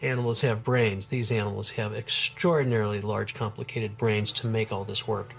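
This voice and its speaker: A man's voice: fairly low pitch, steady tone, moderate pace, gravelly, soft background music. A man speaking as a scientist in a documentary, explaining in an enthusiastic, marveling way without a script. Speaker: marine biologist, interview subject.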